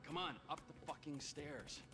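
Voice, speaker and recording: A man's voice: a little high, fairly even intonation, normal speed, lightly acted. A man playing a volatile, defiant criminal in a game, brusque and profane. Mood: impatient. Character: volatile, foul-mouthed male criminal, gruff and defiant.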